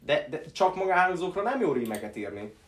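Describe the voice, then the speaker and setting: A man's voice: a little high, very animated, a crowd in the background. Young man chatting, distant and echoey. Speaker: co-host of an internet radio show. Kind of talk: casual chat, improvised rhymes.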